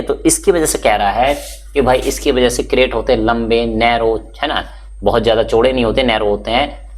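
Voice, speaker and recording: A male teacher going through a textbook chapter, slowly reading each English line and then explaining it in quick, chatty Hindi. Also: mid-range voice. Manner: chatty teaching with frequent "bhai" and check-ins.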